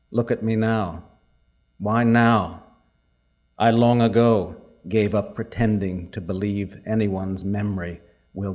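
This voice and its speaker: Man in an old archival recording. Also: lowish voice. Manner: unhurried, with hesitant asides. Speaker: poet. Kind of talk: poetry reading with remarks. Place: reading hall with an audience. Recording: dull lo-fi archival tape.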